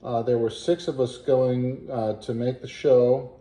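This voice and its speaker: A man reading an old family letter aloud in a halting way, with asides and pauses to puzzle out words. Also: mid-range voice, little pitch movement, warm tone. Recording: roomy, echoing home recording.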